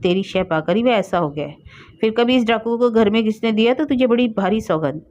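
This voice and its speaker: A woman voicing an angry husband who shouts threats, in a storybook reading. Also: a little high, lively intonation, fairly quick, highs cut off, voice pushed up, close to an everyday voice.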